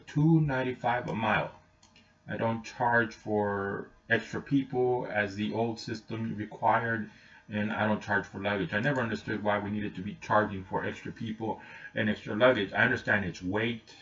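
The speaker is a middle-aged man who drives a taxi, giving a straightforward, casual rundown of what he offers. His fairly low voice sounds pushed and bright. English is his language rather than Spanish, and the audio is muffled and far off, from a webcam mic.

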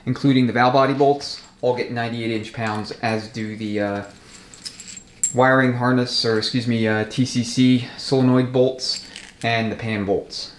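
A man rebuilding a transmission explains each step casually and practically while working, his mid-range voice fairly even at normal speed. The workshop recording echoes, with audible noise and tool clicks.

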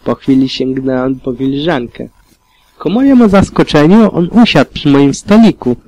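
A man's voice: medium pitch, moderate pace, no echo, rough recording. Man reading a fan fiction audiobook. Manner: calm, steady reading with small slips. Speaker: audiobook reader.

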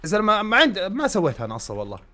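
High-pitched dude, super fast, mocking his buddy in a game on voice chat. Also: huge pitch swings, bright, forceful tone. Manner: teasing, jokingly insulting. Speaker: fellow gamer. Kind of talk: casual gameplay chat.

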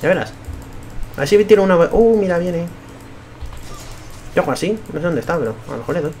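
Swearing man gaming, lively pitch. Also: quick pace, slight background noise. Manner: swears a lot, laughs, excitable outbursts. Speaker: gamer. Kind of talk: casual gameplay commentary.

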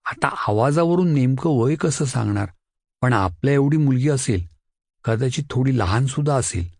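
Brief: man reading an earnest boy friend, plain and hushed-urgent. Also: medium pitch, animated, moderate pace, no echo, studio quality. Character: earnest schoolboy friend sharing news.

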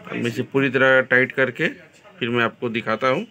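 Man, Bihari Hindi accent, TV repair tutorial, gravelly flat voice, phone mic in a small workshop. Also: medium pitch, brisk. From India. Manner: plain, step-by-step explaining, addresses viewers as friends. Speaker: TV repair technician.

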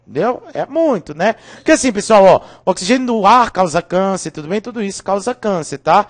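A man's voice: sits high, lively intonation, brisk. A man with a Brazilian Portuguese accent teaching a live online chemistry review class, joking and constantly checking in with his students.

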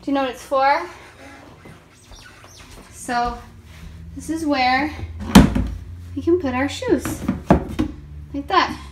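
A woman's voice: sits high, slow, pauses often, heavy background noise. A young woman, a mother hosting a casual home vlog, chatting and asking her toddler questions.

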